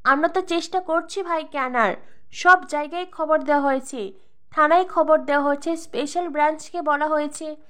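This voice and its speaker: A woman's voice: sits high, normal speed, a bit bright. A woman reading the lines of a desperate mother from a serial, pleading and accusing. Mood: strained. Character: desperate angry mother, middle-aged woman.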